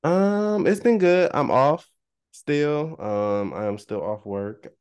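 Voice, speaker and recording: A man's voice: fairly high pitch, slow, a little mellow, clear, resonant tone. A man chatting casually as a podcast co-host, playful and self-mocking, repeating himself for emphasis. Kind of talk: casual chat.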